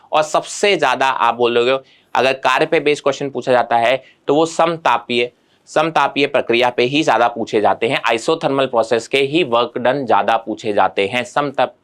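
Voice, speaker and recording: A man's voice: mid-range voice, a bit bright. A man teaching an exam-preparation lesson in Hindi mixed with English terms, speaking straight to his students in a reassuring way.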